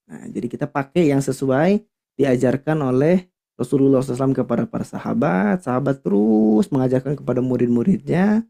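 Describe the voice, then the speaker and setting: A man teaching Quran recitation in an online class, explaining patiently and often pausing to search for the right word. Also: mid-range voice, gravelly, dark tone.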